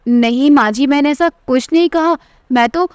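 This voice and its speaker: A woman voicing a gentle, meek young new bride who speaks politely and apologetically. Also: high voice, normal speed, clean tone, dry recording, studio quality, close to an everyday voice. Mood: pleading.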